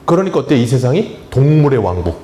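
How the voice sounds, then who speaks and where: A man's voice: medium pitch, sing-song, a little fast, warm tone, a little hiss or hum. A man who is a pastor, preaching a sermon in a church in a plain, conversational way. He keeps asking the congregation questions and then answers them himself, with touches of humor. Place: church sanctuary.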